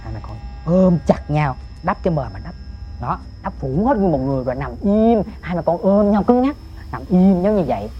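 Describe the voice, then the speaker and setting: A man's voice: high-pitched, sing-song, moderate pace, lo-fi sound, a little hiss or hum. Dramatic male ghost story narrator. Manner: swings from hushed murmurs to sudden shouts; addresses listeners directly.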